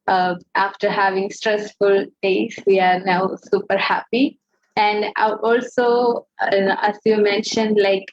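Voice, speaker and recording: Slow, halting woman host. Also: medium pitch. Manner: halting, full of fillers like "like" and "uh". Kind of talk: casual chat over video call. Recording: dull lo-fi call audio.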